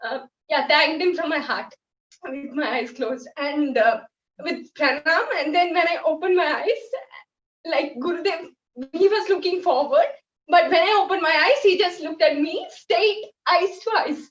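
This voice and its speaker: A young woman from India with an Indian English accent, telling a personal story as a guest in a halting, heartfelt way with many fillers. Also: extremely high pitch. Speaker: guest volunteer. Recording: echoey, distant, dull sound.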